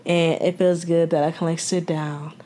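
A young woman from the American South with a Southern accent, co-hosting a casual podcast from home, talking frankly with cursing and quick restarts. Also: fairly low pitch, level tone, mellow. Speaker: podcast co-host. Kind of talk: casual chat. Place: home room, remote recording.

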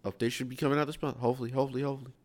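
A man's voice: mid-range voice, flat delivery, racing, a crowd in the background. A man co-hosting a casual podcast chat, arguing back and laughing often. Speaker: podcast co-host.

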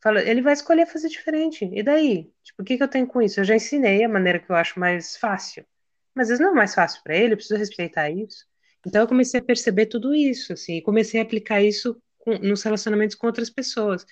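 A woman's voice: a little high, fast, dull audio. A woman co-hosting a casual podcast, reflecting aloud and quoting her own words. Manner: reflective, animated storytelling with quoted self-talk. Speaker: podcast co-host. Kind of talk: casual chat.

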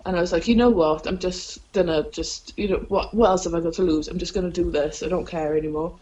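Fast-talking and warm, with a lowish voice and fairly even intonation, this young Welsh-accented stand-up comedian from South Wales chats casually in an interview over dull audio. She rambles, puts herself down, and uses plenty of fillers.

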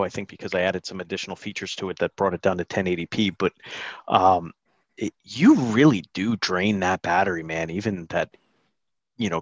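A man's voice: lowish voice, dry recording, highs cut off. A man hosting a podcast, chatting casually and rambling with lots of fillers. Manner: laid-back, rambling with many fillers. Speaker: podcast host.

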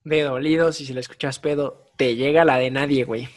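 A young man with a Mexican accent hosting a casual podcast chat, telling stories in slangy, animated talk. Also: mid-range voice, fairly quick. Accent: Mexican Spanish. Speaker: podcast host.

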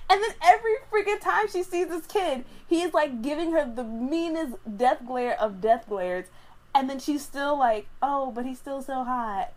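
A young woman in casual book chat, animated and exasperated, peppering her talk with "like". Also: high-pitched, moderate pace. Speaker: book discussion participant.

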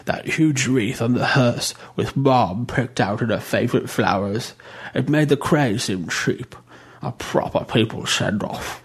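A man plays a fussy bishop obsessed with sweets, gushing in a prissy way in a voice pitched above his own and set back from the mic. His delivery is unhurried and slightly rough, with a fond mood.

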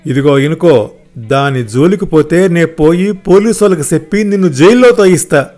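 A man's voice: medium pitch, steady tone, moderate pace, dark tone, faint music behind, voice pushed down, lightly acted. A man voicing a poor, worried mother who turns fierce to protect her daughter.

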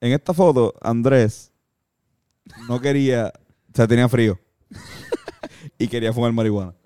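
A man's voice: medium pitch, a little slow, mellow, clean tone, dry recording. A young man in an easygoing casual chat, swearing and laughing through his stories.

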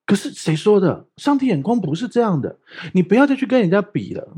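A man preaching a lively sermon as pastor, talking with animated swings and often checking the congregation follows him. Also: husky. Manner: animated, quick jumps in pitch, often asks the congregation "do you get me?".

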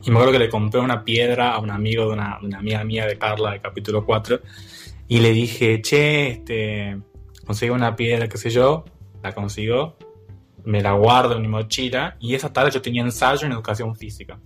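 Young man with an Argentine accent, animated. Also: fairly low pitch, brisk, soft background music. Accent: Argentine Spanish. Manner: animated, laughs often, acts out quotes. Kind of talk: casual storytelling chat.

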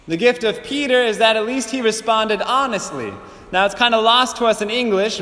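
A priest proclaiming the gospel and preaching a homily in a measured, earnest way, his voice carrying a cathedral echo. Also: sits high, fairly bright tone. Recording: echoey church with long reverb, faint hiss.

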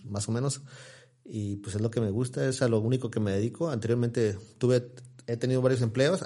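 A man's voice: lowish voice, dark tone. A man, chatting as an interview guest and telling rambling stories full of fillers and restarts. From Mexico, Tamaulipas. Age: 40s. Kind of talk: casual interview chat.

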